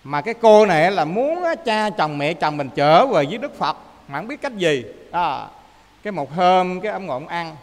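A man with a Southern Vietnamese accent, a Buddhist monk giving a lively dharma talk that often checks in with his listeners. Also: sits high, normal speed, big-room sound. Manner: lively storyteller, often asks listeners to confirm.

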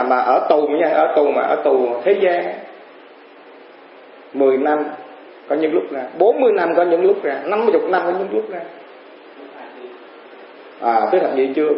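A man's voice: fairly high pitch, vocal fry, a little hiss or hum. A man giving a Dharma talk to an assembly as a monk teacher, telling folksy stories and acting out the people in them. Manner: folksy storytelling, acts out quoted voices, chuckles. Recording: muffled echoey room with faint ambience.

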